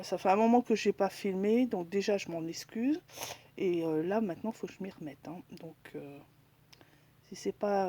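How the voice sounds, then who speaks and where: A woman's voice: medium pitch, mellow. A woman chatting casually in a haul video, hesitant and full of fillers, now and then dropping to a whisper as she shows each item. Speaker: crafting vlogger.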